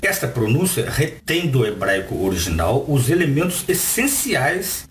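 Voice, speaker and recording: A man's voice: medium pitch, very animated, measured pace. A man with a Brazilian Portuguese accent reading a text aloud and adding his own commentary, often putting rhetorical questions to the listener. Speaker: Bible reader and teacher. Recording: roomy echo with faint background noise.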